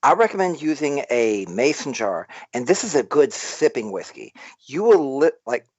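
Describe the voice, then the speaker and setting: A man's voice: medium pitch, sing-song, moderate pace, darkish tone, husky, no echo, dull audio. A man with a Southern American accent, a tipsy guest rambling boisterously in a casual live-stream chat. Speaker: guest toy artist.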